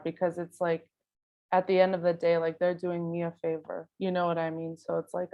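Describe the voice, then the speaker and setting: With the highs cut off, this clip has a woman's fairly low-pitched voice. She is a guest photographer giving an artist talk, answering interview questions in an informal, think-aloud way, speaking Spanish as a second language rather than her first. "Like" and "you know" come up frequently.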